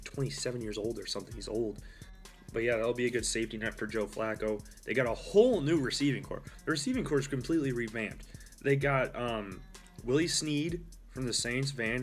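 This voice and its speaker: A man's voice: medium pitch, fairly bright tone. A young man hosting a casual solo sports talk show, rambling and correcting himself as he goes. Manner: rambling, with fillers and self-corrections. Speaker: host.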